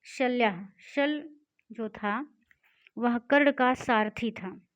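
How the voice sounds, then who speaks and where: A woman's voice: on the high side, extremely slow. A woman teaching a Sanskrit lesson. She reads each line of the text and then explains it in simple words. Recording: dull lo-fi recording.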